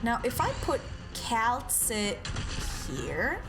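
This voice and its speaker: A woman's voice: fairly high pitch, very animated, takes it slowly, over music. A woman doing casual gameplay commentary, playful and sweary, talking to herself as she goes. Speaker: game streamer reading story scenes aloud.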